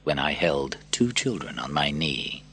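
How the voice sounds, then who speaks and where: A man voicing a kindly older senator who speaks low and quietly. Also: big pitch swings, unhurried, breathy edge, faint music behind, exaggerated voice. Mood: fond.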